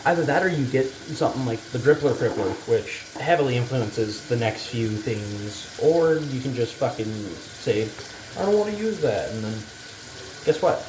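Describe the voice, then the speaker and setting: Here a man who makes gaming videos talks off the cuff about the game, hesitating, thinking out loud and swearing bluntly. He has a medium pitch and moderate pace, with a distinct running-water sound in the background.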